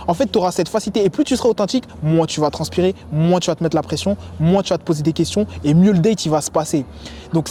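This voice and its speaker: A young man who grew up in the United States gives dating advice to the camera in an energetic, slangy, spontaneous way, at a sports complex. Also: high voice, slight background noise.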